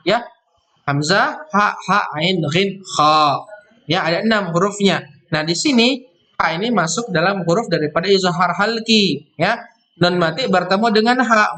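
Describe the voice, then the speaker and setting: A man teaching Quran recitation rules, explaining step by step and slowly chanting verse words before each explanation. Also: high voice, sharp tone. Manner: explains step by step, often ending with "ya".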